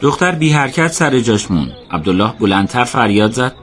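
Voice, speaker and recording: A man narrating a radio drama in a steady, measured storytelling voice. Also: mid-range voice.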